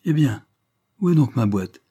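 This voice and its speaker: A man voicing an indignant, demanding foreign gentleman, speaking insistently in a raised voice. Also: mid-range voice, normal speed, dry recording, lightly acted. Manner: insistent, exclamatory.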